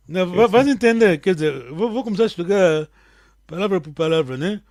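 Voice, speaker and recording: A man whose first language is Kikongo teaches an online class. He explains each word patiently in a fairly high voice and keeps checking that the students follow. The sound is dry and close. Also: darkish tone, no room sound.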